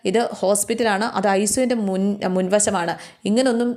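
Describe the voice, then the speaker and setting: A woman's voice: mid-range voice, steady tone, moderate pace, darkish tone, lightly acted. Woman reading a firm young guy telling people off. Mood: stern. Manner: stern, scolding. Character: firm young man, level-headed relative.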